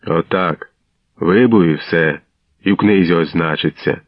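A man's voice: deep voice, a little slow, no room sound. A man voicing a coarse, mustached tsarist gendarme who barks and mocks, on a dull lo-fi radio recording. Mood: gruff. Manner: rude, mocking, barking.

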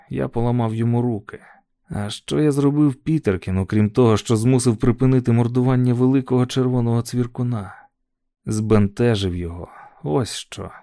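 A man reads a story aloud in an even, measured telling. His voice is dark and mellow and sits fairly low, and the sound is dry and close with no room around it. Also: no echo. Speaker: audiobook narrator. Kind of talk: scripted audiobook narration.

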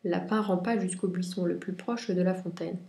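A woman reviewing and reading a children's picture book aloud in clear, expressive storytelling. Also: on the low side, moderate pace. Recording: roomy echo.

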